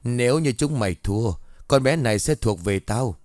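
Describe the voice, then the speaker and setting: A man voicing the ghost of a male soldier who possesses a girl, gruff in threats and humble in pleading. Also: mid-range voice, expressive, moderate pace, a little mellow, no room sound, clean studio sound, lightly acted. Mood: threatening. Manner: rough threats turning to begging.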